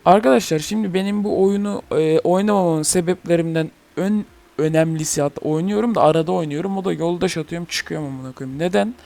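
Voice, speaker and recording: A man's voice: fairly high pitch, fast talker, gravelly, few pauses, mellow. A young man hosting a gaming channel, ranting heatedly and swearing in a casual chat about a game.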